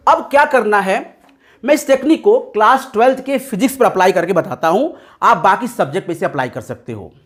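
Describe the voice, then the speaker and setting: A man teaching exam tips to students, emphatic and repeating key points. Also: sits high. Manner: emphatic, addresses students as kids.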